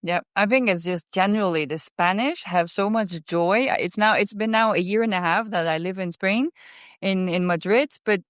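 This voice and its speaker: A woman from the Netherlands hosts an interview, chatty and friendly as she works toward her questions. Her pitch is middle-range, and the recording is dry and close. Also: normal speed, no room sound. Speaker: podcast host. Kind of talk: podcast interview.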